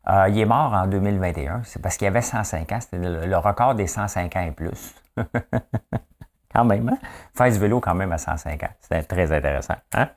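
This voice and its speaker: With a low-pitched voice at normal speed, a Quebec French-accented man in his fifties hosts a chatty, joking trivia conversation and asks his audience questions.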